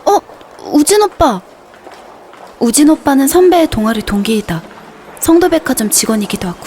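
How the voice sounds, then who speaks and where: A high-pitched young woman, shy and flustered, in a romance audio drama. She speaks politely and hesitantly, earnest about her feelings, with noise behind her. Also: expressive, normal speed, darkish tone. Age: young adult. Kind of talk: romance audio drama acting with inner monologue.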